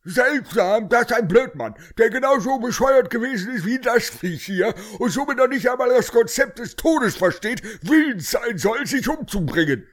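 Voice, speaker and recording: A man's voice: extremely high pitch, lively intonation, moderate pace, hardly any pauses, pitched above the performer's own voice. A man voicing a frazzled, over-caffeinated bird prosecutor in an audio story, questioning in a sly, theatrical way. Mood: probing.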